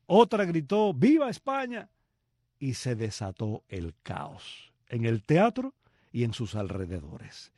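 A man hosting a radio program, giving a measured, reflective history talk full of rhetorical questions. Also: on the high side, dark tone, husky, dry recording, clean studio sound.

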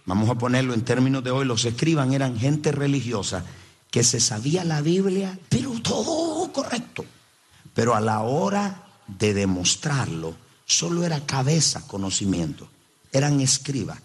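A man's voice: medium pitch, lively intonation, normal speed, slightly rough. A man preaching a sermon, speaking emphatically and addressing the congregation directly. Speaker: pastor.

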